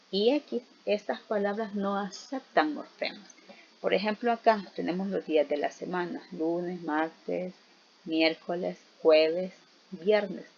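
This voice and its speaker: Gravelly woman teaching a grammar lesson. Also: fairly low pitch, a little mellow. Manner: patient, explains step by step with rhetorical questions. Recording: dull, slightly noisy recording.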